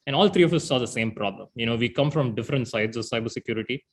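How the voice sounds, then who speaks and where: A man's voice: mid-range voice, very fast. A man, a startup founder from India, answering interview questions in a thoughtful way with frequent "you know".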